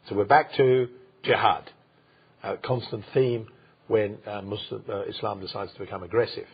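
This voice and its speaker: A man co-hosting a history program, talking through events without a script, with many pauses, fillers and restarts. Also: on the low side, slightly rough. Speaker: co-host, history presenter. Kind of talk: unscripted history talk. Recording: dull lo-fi sound.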